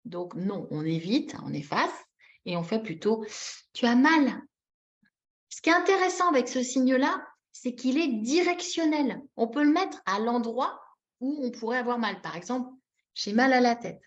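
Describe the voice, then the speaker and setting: A woman with a fairly high voice teaches a live session over a video call. She is animated and demonstrative, repeats key words and acts out little example phrases expressively. The audio is dull and lo-fi, as webinar sound often is. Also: moderate pace. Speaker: webinar trainer teaching baby signs.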